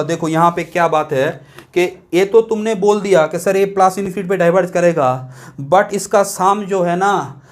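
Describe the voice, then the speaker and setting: A man from India giving a classroom math lecture, explaining step by step and often asking students whether they follow. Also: sits high. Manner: explains step by step, checks understanding with repeated questions; reads English text from a book very slowly and word by word. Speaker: math teacher.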